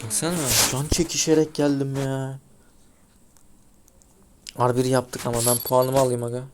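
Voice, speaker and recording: Chatty man over loud racing game. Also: mid-range voice, steady tone, measured pace. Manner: chatty, grumbling, talks to viewers while playing. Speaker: gaming YouTuber. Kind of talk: casual gameplay commentary. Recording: loud car game sound behind voice. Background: racing game engine and tire noise.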